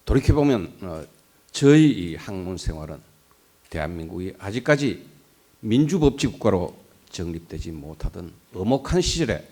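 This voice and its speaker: An older man accepts an award with a formal speech, earnest and dignified. His voice sits fairly low, but his pitch swings widely as he stresses his words. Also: warm tone, breathy edge. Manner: earnest and dignified, with emphatic rises and falls. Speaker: award recipient, law professor.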